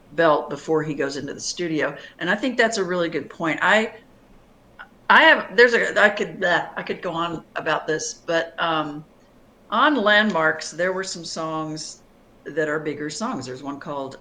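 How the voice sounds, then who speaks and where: A middle-aged woman singer-songwriter answers interview questions thoughtfully and reflectively, frequently pausing and starting over. Her voice is low with a sharp tone.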